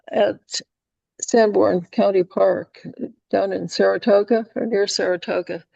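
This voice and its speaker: A woman's voice: medium pitch, creaky, a little mellow, dry recording. A woman chairing a committee, speaking informally, recorded in dull, muffled meeting audio.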